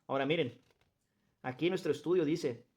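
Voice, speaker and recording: A man's voice: a little high, a little fast, darkish tone, husky. A man leading a group Bible study in an earnest, teaching manner, reading passages aloud and putting questions to the group. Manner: earnest teacher who quizzes the group and stresses points.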